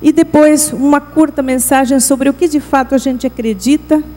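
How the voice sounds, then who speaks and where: A woman's voice: high-pitched, fairly even intonation, mellow. Woman with an argentine accent. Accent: Argentine Spanish. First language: Spanish. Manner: measured, earnest, pausing mid-phrase. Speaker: education program director. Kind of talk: conference talk. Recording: reverberant hall, mains hum.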